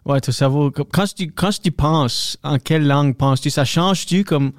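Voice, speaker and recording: A man from New Brunswick with an Acadian French accent, a comedian guest in relaxed casual chat on a podcast mic, dropping in English slang. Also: on the high side, normal speed, dry recording, clean studio sound. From New Brunswick, Canada. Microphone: podcast microphone.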